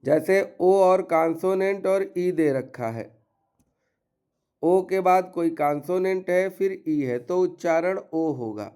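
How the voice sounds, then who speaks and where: A man's voice: high-pitched, slow pace, darkish tone, clean tone. A man teaching English pronunciation rules, explaining step by step and listing example words. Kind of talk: classroom-style pronunciation lesson.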